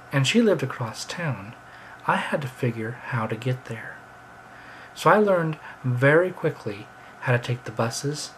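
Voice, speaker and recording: A man's voice: medium pitch, slight background noise, poor audio. An American man telling rambling, chatty stories in a casual monologue. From United States. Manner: rambling, chatty, drifting between anecdotes. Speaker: vlogger.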